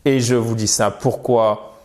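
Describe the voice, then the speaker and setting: A man's voice: mid-range voice, fairly even intonation, unhurried, a little mellow. A man from France teaching English in an online lesson, patiently repeating words for pronunciation and addressing viewers as dear friends.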